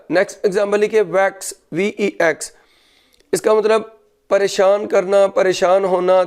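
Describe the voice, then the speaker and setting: A male English teacher, dictating grammar rules slowly and explaining them in Urdu, spelling words out letter by letter. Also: high voice, darkish tone, clean tone.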